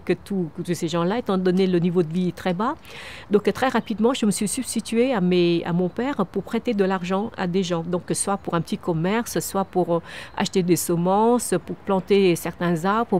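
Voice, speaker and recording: A woman in her fifties from Vietnam, who founded a microcredit charity, is interviewed outdoors on a wooden terrace among trees. She answers earnestly in a mid-range, slightly mellow voice, often restarting and repeating words.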